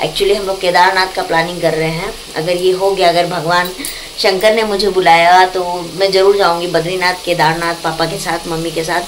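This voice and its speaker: With little pitch movement and a normal pace, a young woman whose voice sits on the low side talks to viewers in her home vlog. Chatty and addressing them as "guys," she describes her day and her family over background music, with a little hiss or hum.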